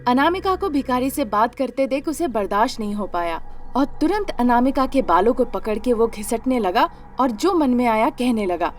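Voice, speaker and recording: A woman narrating a cartoon story in a steady, matter-of-fact way. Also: a little high, normal speed, soft background music.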